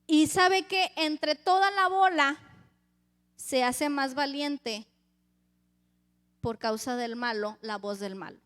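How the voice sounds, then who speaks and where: A woman's voice: sits high, takes it slowly, long pauses, fairly bright tone. A woman preacher giving a sermon, reading scripture aloud and calling the congregation brothers. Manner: acts out crowd voices.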